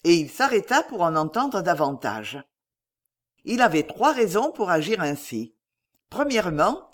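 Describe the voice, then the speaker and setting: A woman narrating a classic novel as an audiobook in a measured, expressive way. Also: fairly low pitch.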